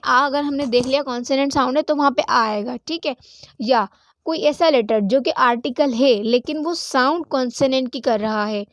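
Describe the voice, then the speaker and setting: A woman teaching an English grammar lesson. She reads the English example lines slowly and carefully and often checks in with her listeners. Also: high-pitched, dry recording, clean studio sound. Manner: slow, deliberate reading of English example lines, checks in with "theek hai?". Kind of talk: grammar lesson in Hindi-Urdu.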